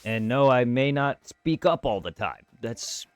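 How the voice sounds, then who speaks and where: In a dry recording, a streamer with a mid-range, clear, resonant voice speaks expressively at a measured pace, though his voice is normally very quiet. He addresses his chat off the cuff, bluntly and repetitively, with the odd swear word.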